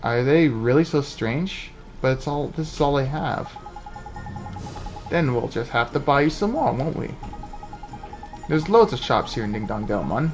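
A man's voice: mid-range voice, animated, measured pace, pauses often, soft background music. A man voicing a chirpy, cheeky little male fairy sidekick from a game, in slangy banter. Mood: chatty.

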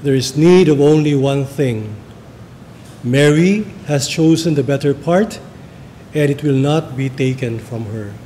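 Filipino priest in cathedral echo. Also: male voice, mellow. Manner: measured, formal liturgical delivery. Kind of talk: reading the Gospel and preaching at Mass. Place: large church. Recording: long church reverb, faint rumble.

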